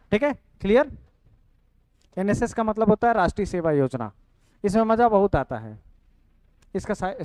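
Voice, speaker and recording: A man's voice: high-pitched, a little mellow, clear, resonant tone, no echo, low-quality recording. A young man, explaining a course lesson casually and checking in often with "theek hai". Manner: repeats "ठीक है" and addresses students directly. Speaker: online coaching teacher.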